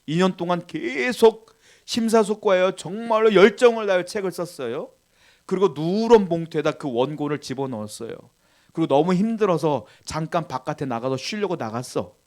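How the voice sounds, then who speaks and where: Korean pastor preaching with rising emphasis. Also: male voice, high voice, lively intonation, normal speed. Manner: emphatic preaching with rising and falling intensity, asks the congregation questions. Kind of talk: sermon.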